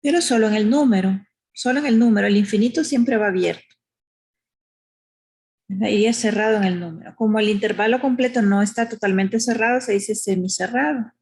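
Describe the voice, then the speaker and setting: Female math teacher, husky voice, patient, explanatory classroom delivery. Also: medium pitch, a little fast, darkish tone. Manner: patient, explanatory, uses diminutives, asks "¿verdad?". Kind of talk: recorded math lesson.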